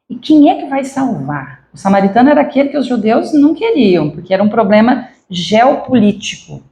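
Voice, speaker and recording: A woman's voice: a little high, gravelly, dark tone. A woman giving a spiritist lecture to a congregation, chatting with the audience and asking them questions. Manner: conversational, asks the audience questions. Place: spiritist center lecture hall. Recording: echoey hall.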